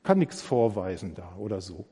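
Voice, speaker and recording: A man's voice: low voice, animated, moderate pace, warm tone, breathy edge. A man preaching an earnest, reflective sermon, acting out imagined dialogue with emphasis. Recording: long hall reverb.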